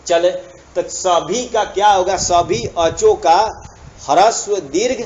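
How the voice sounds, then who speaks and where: A man's voice: high-pitched, takes it slowly, darkish tone, muffled recording, slight background noise. A man teaching Sanskrit grammar in a classroom lecture, drawing out words, repeating himself and prompting students to answer. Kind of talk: classroom lecture with call-and-response.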